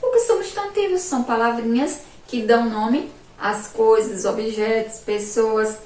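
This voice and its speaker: A female teacher with a fairly high, darkish voice and a Sergipe Brazilian Portuguese accent gives children a remote lesson, emphatically drawing out each syllable. She often says "ó" and "olha aqui", and the recording picks her up from far off in an echoey room with faint background noise.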